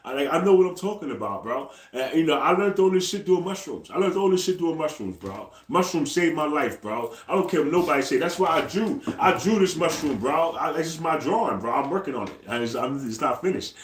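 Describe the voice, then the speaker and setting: A man's voice: fairly high pitch, lively intonation, fairly quick, few pauses. A man in his forties, chatting casually on a live stream, talking in loose slang, ending nearly every phrase with "bro" and repeating himself to his viewers. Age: 40s. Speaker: livestreamer. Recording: echoey room.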